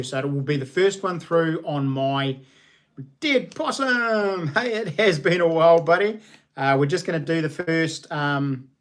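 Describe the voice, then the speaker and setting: A man with a broad New Zealand accent hosting a casual livestream, chatting to viewers in an informal, slangy, matey way. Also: fairly high pitch. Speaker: livestream host.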